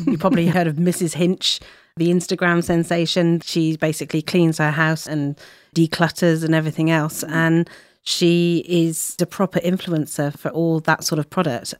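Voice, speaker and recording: A woman's voice: low-pitched, flat delivery, normal speed, no echo, studio quality. A woman talking candidly as a business guest in a casual panel chat. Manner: chatty, candid.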